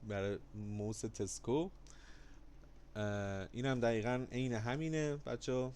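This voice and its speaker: Hosting a livestream giveaway, this man chats casually and cracks jokes, veering from loud, drawn-out shouts to low, quick mutters. There's a bit of background noise.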